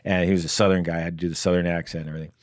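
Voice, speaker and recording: A man's voice: sits low, flat delivery, racing, crowd noise. A man, a guest comedian, telling rambling anecdotes in casual podcast chat, with many fillers and laughs. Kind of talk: casual storytelling. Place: podcast studio.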